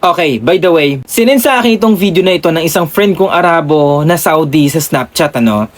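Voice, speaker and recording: A man's voice: fairly high pitch, lively intonation, fairly quick. A man from the Philippines giving casual vlog commentary, chatty, addressing his viewers as guys and dropping in English phrases. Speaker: vlogger.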